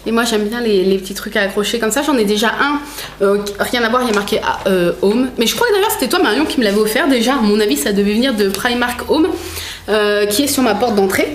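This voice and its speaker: Woman, vlogger, casual gift unboxing, rambling, playful, slightly high voice, echoey room. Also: expressive, fast talker. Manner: chatty, rambling, many fillers and self-corrections; laughs often, playful teasing. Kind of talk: casual chat, opening gifts on camera. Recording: roomy echo.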